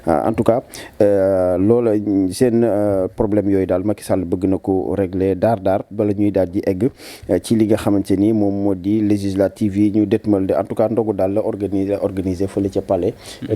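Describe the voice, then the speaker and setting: A man, discussing politics hesitantly with many pauses. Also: low voice, dark tone. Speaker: political commentator.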